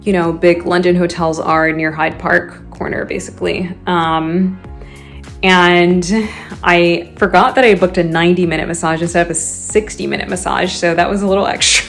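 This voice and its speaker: A woman's voice: on the low side, little pitch movement, normal speed, fairly bright tone, soft background music. A woman vlogging to a handheld phone camera in a casual, chatty way, laughing often and acting out what people said to her.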